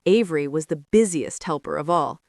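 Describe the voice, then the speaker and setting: A woman storyteller giving an expressive scripted narration of a children's book. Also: low voice, moderate pace, vocal fry, dry recording, clean studio sound.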